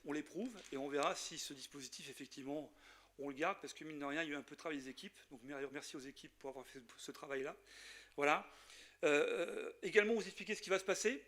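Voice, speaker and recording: A man's voice: a little high, a bit bright. A man with a Lorraine French accent, president of a chamber of commerce, giving an informal welcome speech at a general assembly with many hesitations.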